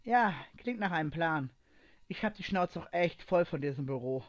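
A man's voice: fairly high pitch, lively intonation, normal speed, natural voice. A man voicing a tough, wounded young woman fighter in a story reading, tired but determined. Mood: relieved. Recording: dull lo-fi recording.

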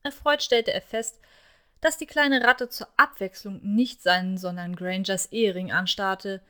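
A woman narrating a fan fiction story aloud in an expressive storytelling manner. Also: medium pitch, a little slow. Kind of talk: fan fiction audiobook reading.

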